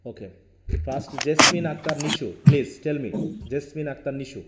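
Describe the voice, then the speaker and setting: A man's voice: a little high, drawn-out words, roomy sound, heavy background noise. A male teacher from Bangladesh leading a live online class, firm and questioning, mixing Bengali with English.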